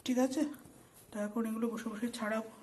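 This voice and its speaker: A woman's voice: fairly high pitch, fairly even intonation, fast talker, a little mellow, slight background noise. A woman with a sore throat, chatting homely in a casual cooking vlog from her home kitchen, explaining each step. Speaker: vlogger.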